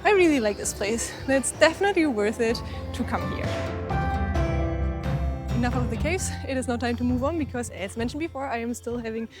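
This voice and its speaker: A woman's voice: a little high, expressive, brisk, over loud music. A young woman with a way of talking, chatting eagerly to the camera while hiking outdoors, a little out of breath. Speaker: travel vlogger. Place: outdoors on a mountain hike.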